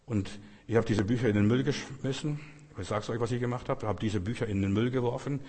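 A man's voice: mid-range voice, brisk, darkish tone, husky. A man preaching a sermon in an earnest, repetitive way, speaking directly to his listeners. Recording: long echo of a large hall.

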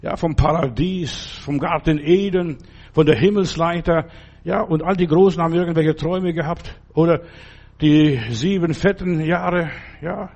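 A man's voice: fairly high pitch, unhurried, darkish tone, muffled recording. A man preaching a sermon in an emphatic, repetitive way, often speaking straight to his listener.

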